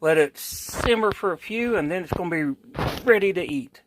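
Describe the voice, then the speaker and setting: Brief: folksy Appalachian man, slightly high voice, home cooking show host, faint noise behind. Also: expressive, moderate pace, fairly bright tone. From Kentucky, USA. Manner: folksy, self-correcting, chatty asides. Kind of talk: casual cooking vlog. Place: home kitchen.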